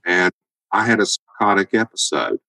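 A man's voice: deep voice, moderate pace, pushed and bright, no echo, low-quality recording. A man in his fifties with a Southern Alabama accent, a guest telling his story plainly and candidly in a podcast interview. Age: 50s.

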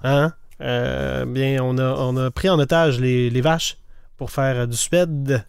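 A man's voice: medium pitch, fairly even intonation, a little slow, gravelly, clean tone, no echo, clean studio sound. A man with a Quebec French accent co-hosting a casual quiz podcast, making up playful puns to remember answers. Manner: playful, punning mnemonics. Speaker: podcast co-host.

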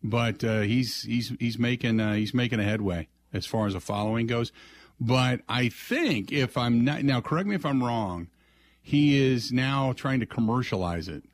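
An American man with a mid-range voice hosts sports talk radio at a normal speed, chatting in a folksy, conversational way and slipping into sponsor plugs. He's on a close broadcast mic in a dry radio studio.

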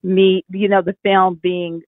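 Over a tinny phone connection, a young Fort Worth, Texas film director gives an interview, thinking aloud and using lots of fillers. She talks slowly at a medium pitch with little rise and fall, and the recording is dry.

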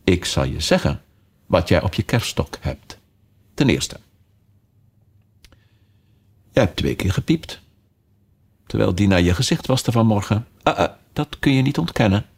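Male reader playing a chatty little girl in a storybook, fond and scolding, lively pitch. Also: moderate pace, gravelly, husky, full character voice. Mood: mock stern. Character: young girl scolding her kitten, chatty. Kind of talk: storybook reading.

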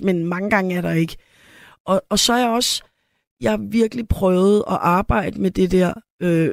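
A woman hosts a call-in radio show, chatting candidly and often teasing herself. Her voice has a gravelly, creaky edge. The studio sound is close and dry, with no room around it. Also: mid-range voice, a little mellow, no room sound. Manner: chatty, candid, self-deprecating. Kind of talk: casual radio chat.

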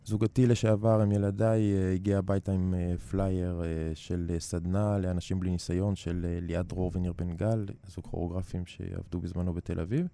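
A middle-aged man from Israel speaks Hebrew with a French accent, reflecting hesitantly in an interview and pausing to search for words. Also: low-pitched, flat delivery, creaky, mellow. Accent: French-tinged Hebrew. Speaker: interview guest, artist.

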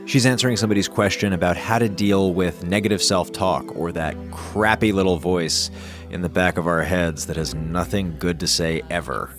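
A man narrates his vlog as host. His voice is on the low side. Music plays clearly behind him.

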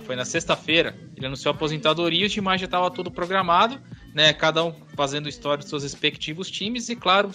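A man's voice: on the high side, bright, forceful tone. A man with a Brazilian accent co-hosting a podcast, chatting casually about sports. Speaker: podcast co-host.

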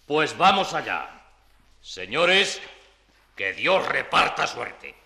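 An actor with a Spanish accent playing a bossy, exasperated small-time gang leader in a comedy, commanding and irritable. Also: male voice, on the high side, very animated, slow, vocal fry, exaggerated voice. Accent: Spain.

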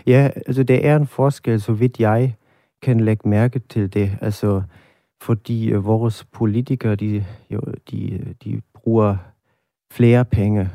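A man from Germany with a German accent, an interview guest who works as a conductor, speaking in a measured way with fillers. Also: fairly low pitch, fairly even intonation, creaky, warm tone, no room sound, clean studio sound. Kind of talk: casual interview chat.

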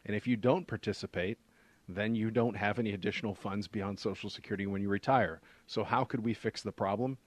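A man's voice: lowish voice, steady tone, fairly quick, no room sound. A man giving a conversational explanation as a financial adviser on a radio show, using rhetorical questions and repetition for emphasis.

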